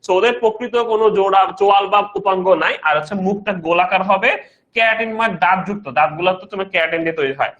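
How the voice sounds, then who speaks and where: A man's voice: sits high, rapid-fire, fairly bright tone, highs cut off. A young man with a Bangladeshi Bengali accent teaching an online biology class. He repeats his points, asks rhetorical questions and talks straight to his students. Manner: addresses students directly, mixing English terms into Bengali.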